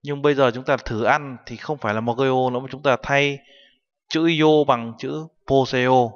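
A man's voice: medium pitch, fairly even intonation, quick pace. Man teaching with a dull reverberant sound. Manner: explains each term patiently, translating word by word. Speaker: Korean language teacher. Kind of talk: classroom lesson explanation. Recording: dull recording with long reverb.

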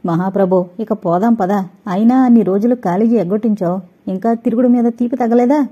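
A woman voicing a spirited young female college student in a dramatized audio novel, talking in quick, indignant bursts. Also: fairly high pitch, mellow, breathy edge. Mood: teasing. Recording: dull lo-fi recording.

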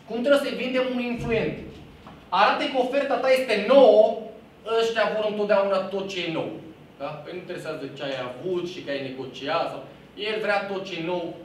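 High-voiced man coaching in an echoey room. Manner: authoritative, direct tone; lists traits one by one. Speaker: real estate sales coach. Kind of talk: sales training lecture. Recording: roomy echo, distant mic, faint hum.

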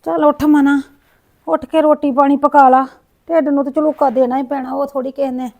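A woman's voice: high-pitched, little pitch movement, brisk, gravelly, a little mellow. A woman acting a lonely, grieving old grandmother who sighs, laments and talks to herself in a village drama. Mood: lonely muttering. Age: older. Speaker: grandmother in a short film.

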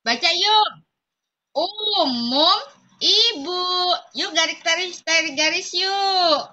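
A young woman leads an online kindergarten class, speaking slowly and coaxing the children in a playful singsong. Her voice sits high and sounds bright, and the audio is dull and lo-fi like a video call. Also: a little hiss or hum. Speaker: kindergarten teacher.

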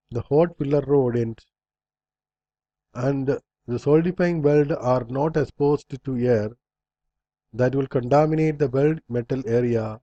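A man's voice: mid-range voice, warm tone, no room sound, muffled recording. A man instructor reading slide bullet points aloud in a recorded lecture, in short fragments with small slips and restarts.

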